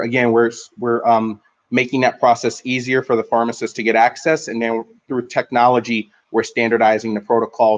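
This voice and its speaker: A man entrepreneur answering a question off the cuff in a halting, explanatory way. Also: mid-range voice.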